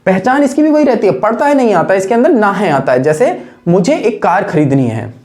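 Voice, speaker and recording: A woman teacher leads a grammar lesson at a steady, patient pace. Her voice sits in a middle pitch. She poses questions to her students and answers them herself, slowing down on the key phrases. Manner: slows down to stress key phrases; addresses listeners as friends. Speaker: English teacher.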